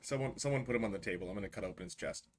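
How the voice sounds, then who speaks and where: A man playing a tabletop game, earnestly thinking out loud about plans. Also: fairly low pitch, racing, slight background noise. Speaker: player. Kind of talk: casual tabletop game chat.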